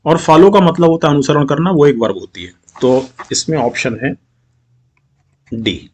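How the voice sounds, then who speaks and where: Indian man teaching English grammar, slightly high voice. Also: lively intonation, a little mellow. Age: middle-aged. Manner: mixes Hindi and English, reads English sentences slowly and deliberately. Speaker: exam-prep English teacher. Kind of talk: explaining grammar questions in a video lesson.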